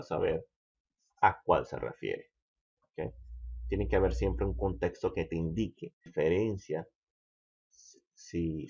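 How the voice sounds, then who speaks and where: A man teaching English grammar, slow and patient, checking in with the listener again and again. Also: sits low, gravelly, dark tone, slightly rough, dull audio. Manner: slow, patient, repeats "¿ok?" often. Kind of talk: explaining grammar.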